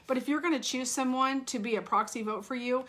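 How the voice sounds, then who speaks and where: Woman candidate on a campaign livestream, kinda high voice, worked up and frustrated, lots of ums and restarts. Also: a little fast, a bit bright. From Oregon. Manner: earnest, heated and frustrated, with many fillers and restarts. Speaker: congressional candidate. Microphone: livestream device.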